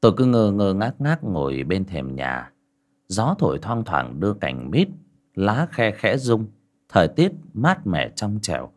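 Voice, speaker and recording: This male narrator reads a horror audiobook in a low voice, his delivery lively and rising and falling, measured and dramatic.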